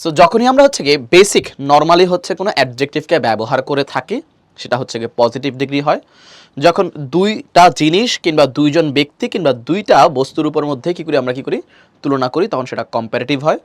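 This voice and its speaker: A man leads a recorded prep lecture in a voice that sits slightly high for a man. He walks through each point patiently, poses questions and answers them, and repeats his stock filler phrases. The sound is dry and close, with no room echo. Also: animated, brisk. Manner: explanatory, asks and answers his own questions; leans on stock fillers and repetition. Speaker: teacher. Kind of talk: online admission-prep lecture.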